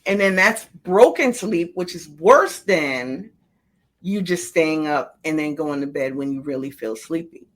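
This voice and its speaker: A middle-aged woman who works as a sleep coordinator speaks casually as an interview guest, explaining things colloquially through personal examples. Her voice sits low, and she is expressive and unhurried.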